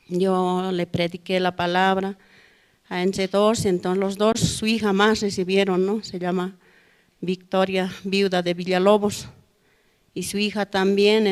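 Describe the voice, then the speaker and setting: A middle-aged woman gives a spoken testimony at a church prayer service, ending nearly every phrase with a questioning "no?". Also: medium pitch. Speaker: church member giving testimony. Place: church hall.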